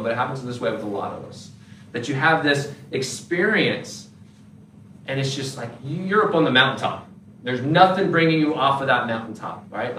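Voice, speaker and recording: A male pastor delivers a sermon in a loose, conversational style, animated and quick to act out little asides. His voice sits at an ordinary pitch and carries through a roomy church space, picked up from a distance. A faint hum of background noise sits under it. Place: church sanctuary.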